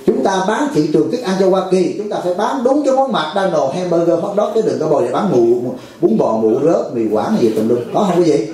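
A man's voice: brisk, few pauses. A man, a monk teaching a retreat, gives a folksy dharma talk, often checks in with the crowd and acts out little dialogues. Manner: folksy, asks the crowd "phải không?" often; acts out dialogues with lively pitch jumps. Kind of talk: dharma talk to a temple audience. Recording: very echoey hall.

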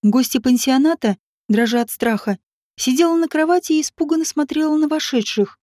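A woman narrating an audiobook in a measured, expressive reading style. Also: high voice, no echo, studio quality. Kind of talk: scripted narration.

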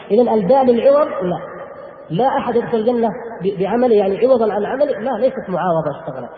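A man giving a religious lecture, firing rhetorical questions and answering them emphatically. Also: sits high. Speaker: preacher. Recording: echoey hall over a phone-like line.

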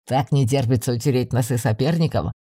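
A woman doing a gruff, wary werewolf lad. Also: a bass voice, fairly quick, warm tone, dry recording, clean studio sound, pitched below the performer's own voice. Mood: skeptical. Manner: blunt, skeptical. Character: young male werewolf student, gruff and wary. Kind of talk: audiobook narration.

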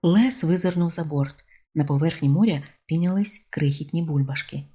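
Audiobook narrator, woman; low, husky, dark-toned, wry and measured. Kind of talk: storybook narration.

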